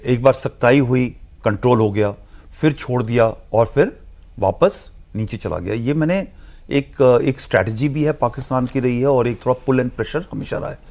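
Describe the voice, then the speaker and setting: Gravelly man explaining at length. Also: mid-range voice, a little mellow. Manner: measured, lecturing, mixes in English phrases. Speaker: guest analyst. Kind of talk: explanatory TV discussion.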